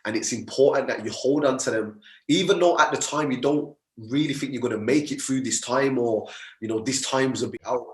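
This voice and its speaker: A man's voice: mid-range voice, a little fast. A young man, a mindset coach talking earnestly as a podcast guest, often tagging "man" and "you get me" onto his sentences. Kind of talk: podcast conversation. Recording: roomy echo.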